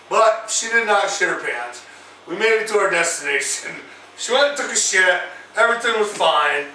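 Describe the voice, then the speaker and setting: A man hosting his own vlog who tells a story casually, in a loud, profane, laughing rant. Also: high voice. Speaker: vlog host. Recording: echoey room, distant mic, faint hum.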